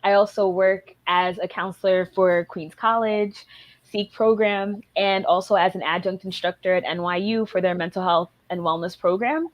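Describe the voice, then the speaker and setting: A woman psychologist introducing herself on a panel video call, measured with some ums. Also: fairly low pitch, fairly even intonation. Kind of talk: casual online panel talk.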